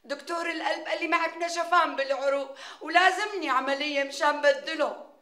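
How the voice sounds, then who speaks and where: A high-voiced, bright, wheedling neighbor woman with a Damascene Syrian accent. She wails, flatters and schemes in sitcom style. The sound is roomy, as on a TV studio set. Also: fast talker. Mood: pleading. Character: scheming melodramatic middle-aged neighbor woman. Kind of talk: TV sitcom acting.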